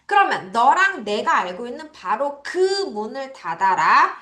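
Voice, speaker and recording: A woman's voice: fairly high pitch, very animated, a little slow, sharp tone, echoey room. A woman teaching English vocabulary to children in a recorded online lesson, drilling pronunciation with repeat-after-me calls.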